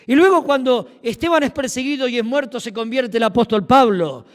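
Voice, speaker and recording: A man with a Rioplatense Spanish accent preaching a sermon, emphatic and swinging from loud to hushed. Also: very high voice, brisk. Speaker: pastor. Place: church. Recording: long reverb of a church hall.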